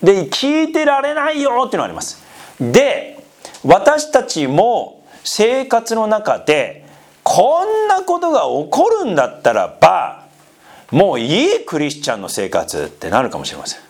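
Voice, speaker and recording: A man's voice: high-pitched, wildly swooping pitch, normal speed. A man preaching a sermon in a conversational way, asking the congregation questions and slipping into casual asides. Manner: mixes polite speech with casual asides. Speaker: pastor.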